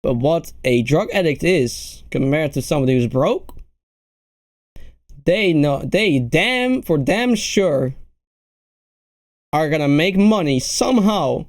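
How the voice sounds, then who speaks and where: Male reactor, hoarse and fading, slow and dry. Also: a little high, darkish tone, dry recording. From Netherlands. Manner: rambling, laid-back, calls the listener bro. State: hoarse, losing his voice. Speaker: reaction video host. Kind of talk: casual reaction commentary.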